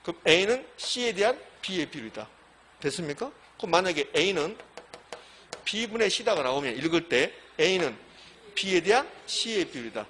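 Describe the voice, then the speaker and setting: Male exam-prep lecturer, middle-aged, emphatic and repetitive, lively pitch. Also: slow pace, a little hiss or hum. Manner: emphatic, repetitive, walks through board examples. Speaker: real estate exam lecturer. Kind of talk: classroom lecture. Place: classroom with a blackboard.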